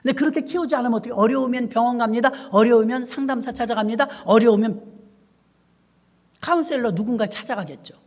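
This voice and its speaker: A woman's voice: fairly high pitch, fast, a little mellow. A middle-aged woman pastor preaching a sermon, telling stories and acting out the voices of children and herself.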